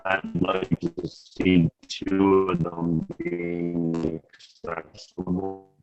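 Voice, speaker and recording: A man's voice: deep voice, level tone, darkish tone, clean tone, soft background music. Man on a glitchy, robotic breaking-up call. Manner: halting, fragmented phrases. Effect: glitchy, breaking-up robotic call audio. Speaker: city councillor. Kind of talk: remarks in a committee meeting by remote call. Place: in a car while driving. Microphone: remote call connection. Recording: muffled, glitchy call line.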